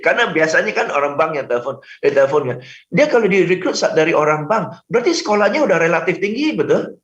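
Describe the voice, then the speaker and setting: Man on a radio show, a bit high voice, roomy and kinda dull sound, acts out calls. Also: quick pace. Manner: animated, acts out phone calls, frequent "betul kan?". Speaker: sales trainer guest. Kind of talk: radio talk show coaching.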